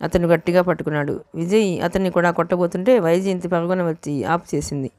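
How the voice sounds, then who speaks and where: A woman reading a novel aloud as an audiobook narrator, in steady storytelling. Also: fairly low pitch, quick pace, dry recording.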